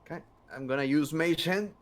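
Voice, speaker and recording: A man playing a tabletop game, excitable and quick to exclaim. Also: fairly high pitch. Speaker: player. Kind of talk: casual tabletop game chat.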